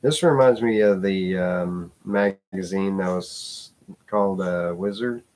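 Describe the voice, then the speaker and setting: Man, casual vlogger, low voice, meandering and hesitant, swears offhandedly. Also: takes it slowly, darkish tone. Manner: rambling, hesitant, with many fillers and restarts. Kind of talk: casual rambling vlog talk.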